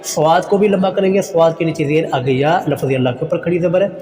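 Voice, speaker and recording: High-voiced man teaching Quran recitation. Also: warm tone, big-room sound. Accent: Pakistani Urdu. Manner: recites each word slowly and drawn out, then explains the rules plainly; uses polite filler "ji" often. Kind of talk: slow tutorial teaching Quranic pronunciation. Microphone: phone voice recording for a messaging class.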